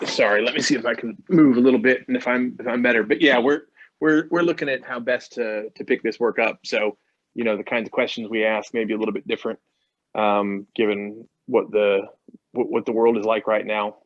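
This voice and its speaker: A man's voice: medium pitch, steady tone, a little fast, lo-fi sound. A man giving a hesitant update over a video call whose audio keeps breaking up. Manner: hesitant, repeats words and restarts. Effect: choppy video-call audio that breaks up. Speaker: meeting participant giving a project update.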